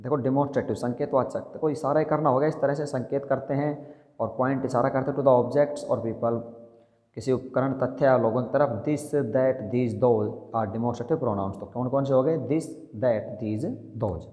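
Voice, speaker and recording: A man teaching an English grammar lesson, reading English rules slowly and then explaining them quickly in Hindi. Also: medium pitch, steady tone, dark tone, big-room sound.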